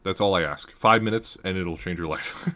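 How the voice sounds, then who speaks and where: Low-voiced man breaking down gameplay. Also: moderate pace. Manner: rambling, self-correcting, laughs often, gets loud when excited. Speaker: gaming commentator reviewing a match. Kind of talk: casual game analysis commentary.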